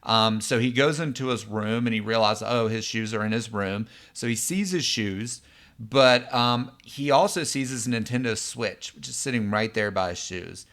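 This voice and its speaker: Bright-toned man explaining patiently. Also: fairly low pitch, normal speed. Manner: conversational, many fillers and check-ins. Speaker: psychologist. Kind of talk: explanatory lesson.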